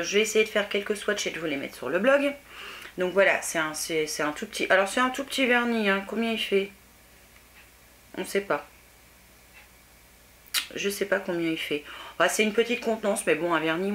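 A woman's voice: medium pitch, fairly bright tone. A young woman chatting casually through an unboxing, self-deprecating, with many fillers. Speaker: beauty vlogger.

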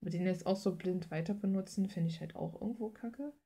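At her drawing desk indoors, a woman artist hosts a drawing video, rambling casually in slangy language and thinking aloud as she draws. Her voice is on the low side and a little fast, gravelly, dark and husky.

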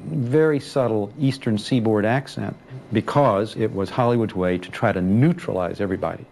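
Gravelly man reflecting in an interview. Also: lowish voice, moderate pace, a little mellow, a little hiss or hum. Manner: reflective, conversational. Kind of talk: documentary interview.

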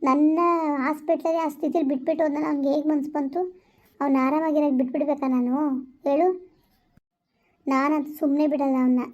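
A woman's voice: high voice, level tone, fast talker, long pauses, a little mellow, natural voice. A woman acting as a scheming, determined young woman in a village family drama, speaking emphatically. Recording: dull lo-fi recording.

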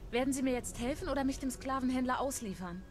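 A woman's voice: high voice, fast talker, music in the background, natural voice. An actress playing a frightened former slave woman in a dubbed video game, speaking in a fearful, pleading way.

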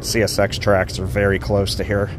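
Recorded on a handheld phone camera with background noise, a man's lowish voice comes across completely flat at a moderate pace. He's an urban exploring vlogger strolling through an abandoned store outdoors, casually rambling, thinking aloud and using fillers.

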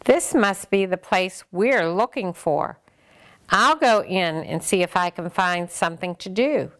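A woman voicing a bored, bossy female hen who clucks in high squawks. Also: lively intonation, measured pace. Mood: excited.

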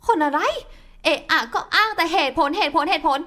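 A woman's voice: very high-pitched, brisk, sharp tone. A woman voicing an impulsive young wife who argues on the phone with sarcasm and hurt, in a radio drama. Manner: sarcastic, emotional.

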